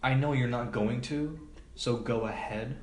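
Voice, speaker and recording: His voice is mid-range and a little mellow, and he keeps a measured pace. He's a film production assistant being interviewed on a podcast, speaking loosely and tentatively with plenty of filler words, in an echoey room with noise in the background.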